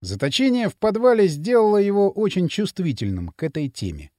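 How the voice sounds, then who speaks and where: A man narrating an audiobook in an expressive, dramatic reading. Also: high-pitched, brisk, no echo, clean studio sound. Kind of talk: scripted narration.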